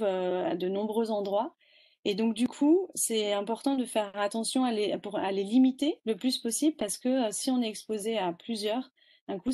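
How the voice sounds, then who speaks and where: Woman presenting a webinar, slightly high voice, explains things slowly with lots of pauses. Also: mellow. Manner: explanatory, hesitant with fillers.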